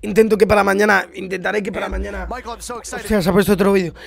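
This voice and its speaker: Young man, Spanish accent, hoarse, high voice, casual game commentary, repeats himself. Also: steady tone, quick pace. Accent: Spain Spanish. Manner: repeats phrases, exclaims at plays. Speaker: gaming YouTuber commenting on clips.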